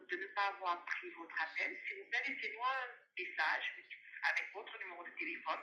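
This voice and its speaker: A man's voice: high-pitched, pushed and bright, slight background noise. A man reading a formal, polite voicemail greeting for an office, heard played over a speakerphone call. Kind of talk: recorded bilingual voicemail greeting. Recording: tinny phone line on speaker.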